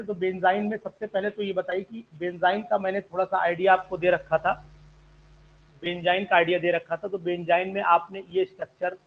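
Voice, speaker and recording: A man's voice: high-pitched, narrow, tinny audio. A man teaching an online chemistry class, politely asking students questions and calling them sir.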